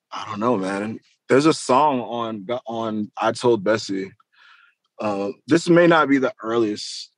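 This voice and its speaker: Chatting casually as a guest in an interview, a rap musician from Queens, New York keeps it slangy, profane, and loose. His voice sits mid-range, with no room sound in the recording.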